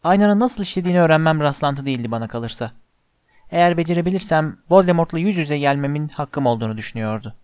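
A man doing a quiet, thoughtful boy wizard. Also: on the high side, lively intonation, fast talker, smooth, dry recording, clean studio sound, close to an everyday voice.

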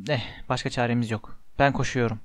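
A man's voice: mid-range voice, steady tone, fairly quick, voice pushed down, natural voice. A man voicing a jittery young schoolboy, grumbling and sarcastic. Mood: worried.

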